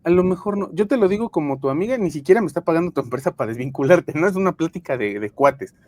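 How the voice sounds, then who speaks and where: A woman's voice: sits low, animated, fast, darkish tone, dry recording. Frank Mexican woman, dry close sound. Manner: frank, explains with many fillers and restarts. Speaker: podcast co-host, HR professional. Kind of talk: casual explanatory chat. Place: connecting remotely over home internet.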